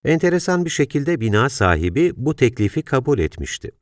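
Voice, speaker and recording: A man reading an audiobook in a calm, measured storytelling voice. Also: mid-range voice, no room sound, studio quality. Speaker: audiobook narrator. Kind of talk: scripted audiobook narration.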